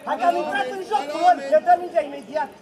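A man playing amateur football, urgently shouting instructions and calling teammates by name. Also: very high voice. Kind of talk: shouting on the pitch during a match. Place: outdoor football pitch. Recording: loud crowd and outdoor noise.

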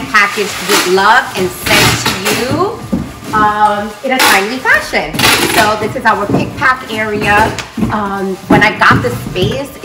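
Walking through a big warehouse and open office, a middle-aged woman who owns the business narrates an informal, enthusiastic video tour while on her feet. Her voice is medium in pitch, picked up by a distant mic, and echoes around the warehouse.

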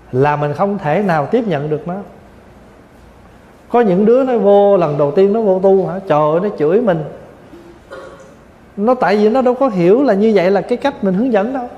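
A Vietnam-born man in his forties, a Buddhist monk, gives a folksy, joking dharma talk with a fairly high voice. The sound comes from a large, echoing hall with a long reverb tail. The recording is dull and a little muffled. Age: 40s. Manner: folksy and humorous, mixing in English words.

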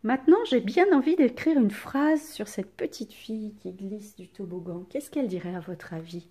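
A woman teacher giving a recorded lesson to children, speaking with exaggerated rising and falling intonation and pausing for pupils' answers. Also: medium pitch, mellow, slightly rough. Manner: slow, exaggerated intonation to demonstrate punctuation; asks pupils questions and leaves pauses for answers. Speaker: primary school teacher.

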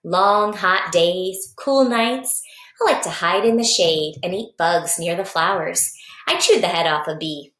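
A woman reads a storybook diary in the voice of a small, cocky young praying mantis, a playful and boastful character who speaks in short, expressive sentences. Her pitch is fairly low and her delivery a little slow, in an expressive children's storybook reading style. The sound is echoey, like a basement room.

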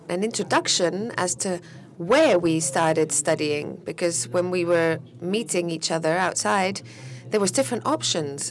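Her voice is lowish as she delivers live interpretation for a panel. She keeps a steady rhythm, though small halts and restarts show her tracking each speaker.

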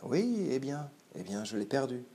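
A man's voice: mid-range voice, very animated, moderate pace, mellow, pitched above the performer's own voice. A man reading as a proud worn-down poor Parisian woman. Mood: confessing.

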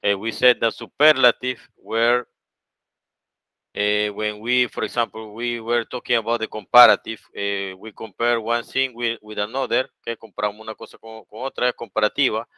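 A man's voice: on the low side, flat delivery, normal speed, pushed and bright, smooth, dry recording, low-quality recording. A man with a Panamanian Spanish accent teaching English grammar, mixing English and Spanish and checking often with "okay?" and "¿verdad?". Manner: speeds up for Spanish translations. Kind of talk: bilingual online grammar lesson.

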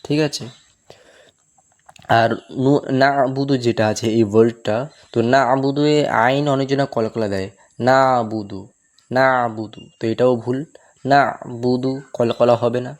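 A man with a Bengali accent teaching recitation, explaining patiently and then sounding out words very slowly to show how they should be pronounced. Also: medium pitch, steady tone. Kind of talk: tajweed lesson with slow demonstrations.

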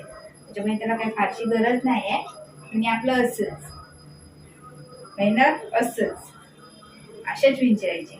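A young woman with a slightly high voice talks slowly to her dogs at home, coaxing them and fondly scolding them in short, repeated commands. She is recorded from some distance, so her voice carries a roomy echo. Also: a little hiss or hum. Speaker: pet vlogger. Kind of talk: casual talk to pet dogs.

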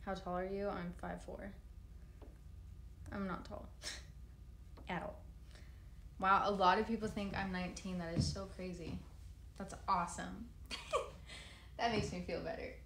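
A woman's voice: mid-range voice, level tone, unhurried, creaky, long pauses, a bit bright, echoey room, a little hiss or hum. A woman in her twenties hosting a casual livestream, answering comments in a laid-back, chatty way with frequent swearing, recorded on a phone at arm's length in a plain room. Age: 20s. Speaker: livestream host. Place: large plain room indoors. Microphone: phone camera at arm's length.

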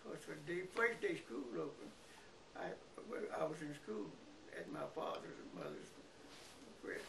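This is an interview with a very old Southern man, about a hundred and from Mississippi, whose aged, creaky voice sits on the high side. He reminisces haltingly, with pauses and repeated words. It was recorded indoors in a living room by a window by a camera a few feet away, sounding noisy and distant.

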